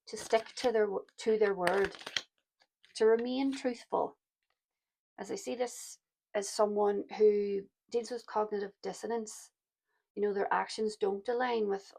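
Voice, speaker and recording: A woman with a heavily croaky, gravelly voice talks through a pick-a-card tarot reading. Her pitch sits in the middle range, and she speaks in a soft, reflective way, calling her listeners her loves. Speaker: tarot reader.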